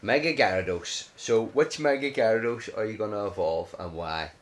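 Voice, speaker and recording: A man's voice: fairly low pitch, normal speed. A man chatting casually and playfully while co-hosting a mobile game video with his child. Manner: chatty and playful, cheering loudly. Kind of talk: casual chat.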